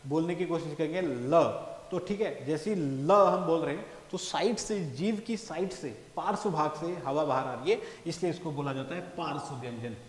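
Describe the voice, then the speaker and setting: A man's voice: a little high, normal speed, few pauses. A man teaching a lesson on a board, explaining step by step and often checking in with his listeners. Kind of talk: classroom lecture. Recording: echoey room, long reverb.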